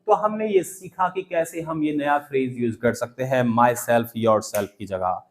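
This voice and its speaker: A man's voice: mid-range voice, a little slow. A man teaching a spoken English class in a classroom, drilling students by asking them to repeat phrases. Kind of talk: classroom lesson in Hindi and English.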